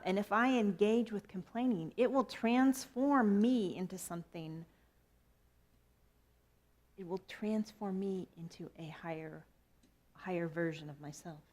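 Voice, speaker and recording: A middle-aged woman minister giving a sermon in a conversational, playful way, with self-deprecating asides. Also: mid-range voice.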